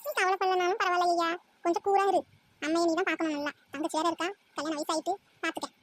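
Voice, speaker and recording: A woman voicing a caring middle-aged aunt in a cartoon, giving gentle advice. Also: extremely high pitch, flat delivery, quick pace, slight background noise. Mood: advising.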